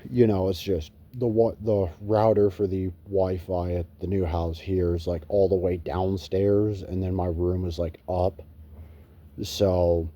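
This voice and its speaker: Talking to his audience on a phone recording, a male gaming vlogger rambles in easygoing chat, dropping casual swears. He speaks a little slowly in a low-pitched, mellow voice with a flat delivery.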